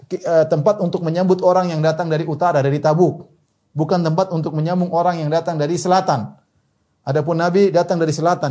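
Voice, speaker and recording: Fast-talking animated male preacher. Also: a little high. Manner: animated storyteller, voices quoted characters. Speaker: Islamic preacher. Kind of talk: storytelling sermon.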